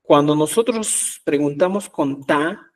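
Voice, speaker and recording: A male language teacher who speaks slowly and patiently, stopping to check that everyone follows. His voice sits a little high for a man. He is recorded from some distance away from the microphone. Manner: patient, explains step by step with frequent checks like "¿ya?". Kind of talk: online class explanation.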